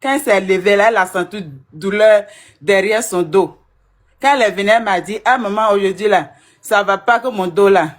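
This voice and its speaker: A woman's voice: mid-range voice, fairly quick. A middle-aged woman, recounting plainly on a live call. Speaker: caller's mother.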